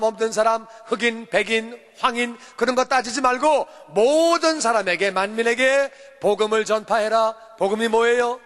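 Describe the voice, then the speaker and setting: High-voiced Korean pastor preaching. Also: male voice, a bit bright, long reverb tail. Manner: earnest, explanatory, repeats phrases for emphasis. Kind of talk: sermon.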